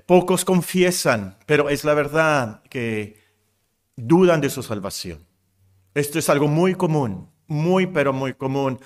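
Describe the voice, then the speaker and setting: Middle-aged pastor preaching, pretty high voice, gets loud on the big lines then goes quiet for asides. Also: male voice. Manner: animated preacher, swells in volume on key phrases; drops to a quiet low voice in asides. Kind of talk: expository sermon.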